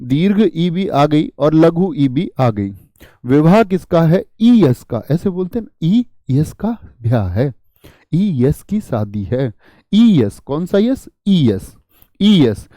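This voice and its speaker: Male teacher, mellow slightly high voice, dry close sound; quizzes the class, repeats answers, uses mnemonics. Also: very animated, slow pace, no room sound. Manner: uses memory tricks and jokes. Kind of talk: classroom lesson.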